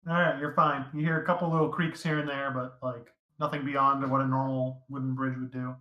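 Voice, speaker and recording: A man's voice: medium pitch, level tone, fairly quick, reverberant, dull audio. A man narrating as dungeon master in an easygoing, casual way, full of fillers. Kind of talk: narrating a tabletop game.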